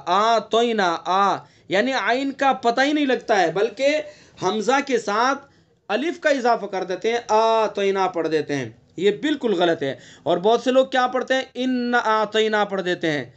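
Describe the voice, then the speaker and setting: A man teaching Quran recitation, patiently drilling each word and chanting the verses slowly. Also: very high-pitched. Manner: patient, drills words by repeating them slowly; chants verses in a slow drawn-out style. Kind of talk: tajweed lesson with recitation.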